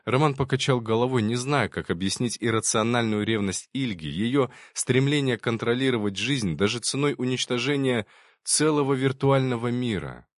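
A man narrating an audiobook in a calm, even storytelling manner. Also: medium pitch, normal speed, no echo, studio quality. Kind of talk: audiobook reading.

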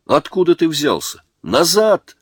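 A man voicing a soldier who shouts urgent warnings and commands under fire in a read war story. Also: fairly high pitch, wildly swooping pitch, measured pace, husky, no room sound, clean studio sound, pitched above the performer's own voice, full character voice. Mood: alarmed shouting.

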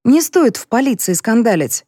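A woman reading a composed elderly lady who speaks in a measured, reproachful way, in an audiobook. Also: a little high, very animated, warm tone, slightly rough, dry recording, studio quality, voice pushed up. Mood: cool. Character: composed elderly lady, dignified, cool-headed.

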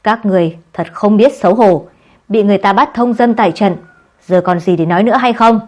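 A woman's voice: mid-range voice, fairly even intonation, moderate pace, fairly bright tone, natural voice. A woman voicing an older male clan chief who speaks in a stern, commanding tone.

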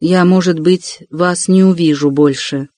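A man's voice: a little high, steady tone, a little slow, a little mellow, no echo, close to an everyday voice. A man reading an audiobook, voicing a brooding young man with curt, clipped questions, close to his own voice.

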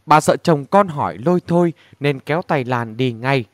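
A man narrating a ghost story audiobook with expressive storytelling. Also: mid-range voice, normal speed, no echo, studio quality.

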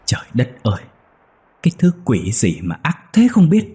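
A man voicing a tense rural husband who talks bluntly and gruffly. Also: mid-range voice, wildly swooping pitch, moderate pace, voice pushed up. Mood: grim. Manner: blunt, shouting when alarmed.

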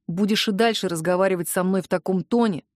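A self-assured young man speaks slowly and with a mocking edge, as a woman narrator gives him a slightly lower voice. He stays cool and condescending. Dry, close audiobook sound. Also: a little mellow, dry recording, lightly acted. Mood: smug. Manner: mocking, unhurried. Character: cocky calm young man, smoking boyfriend.

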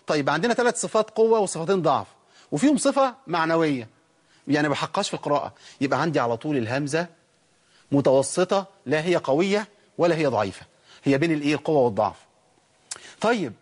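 A man's voice: fairly high pitch, husky. A middle-aged man with an Egyptian accent, a Quran recitation teacher who explains tajweed to a class and keeps asking and answering his own questions. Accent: Egyptian Arabic.

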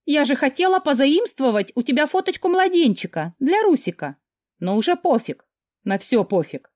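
A woman's voice: high voice, sing-song, moderate pace, darkish tone, no echo, clean studio sound, voice pushed up. A woman reading an audiobook voices a drunk, tearful young woman who talks in a flippant, dismissive way with a slur and a giggle. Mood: giggly.

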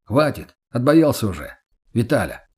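A man's voice: mid-range voice, big pitch swings, normal speed, a little mellow, husky. A man voicing a brash, laid-back young male survivor who talks bluntly in street slang.

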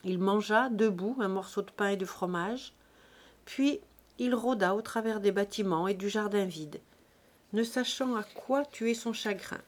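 Woman reading a novel aloud, steady. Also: mid-range voice, measured pace. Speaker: audiobook reader. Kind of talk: scripted narration of a novel.

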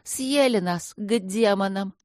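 A woman voicing a brash, tipsy young female dwarf mage who talks high, loud and excitable, slurring a little. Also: slow, no room sound, studio quality, close to an everyday voice.

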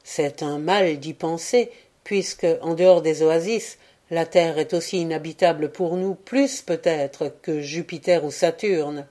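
A woman's voice: deep voice, measured pace, dark tone. A woman voicing a grave, weary adult man in an audiobook, speaking in a sober, resigned way. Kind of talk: audiobook character reading.

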